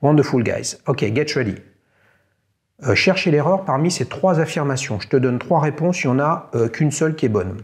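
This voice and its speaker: Playful quiz host. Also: male voice, fairly high pitch, lively intonation, fairly quick, few pauses. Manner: playful, teasing quizmaster. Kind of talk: casual interview and quiz.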